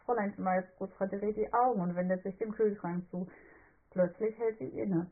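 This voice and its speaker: A woman narrating a children's story in an even, clear storytelling manner. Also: mid-range voice, moderate pace, narrow, tinny audio. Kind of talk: scripted children's story reading.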